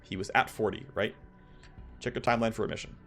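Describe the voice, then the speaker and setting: A man's voice: lowish voice, fairly even intonation, fast, fairly bright tone, faint music behind. A man giving offhand playthrough commentary on a video game, thinking aloud as he goes. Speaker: gaming video host.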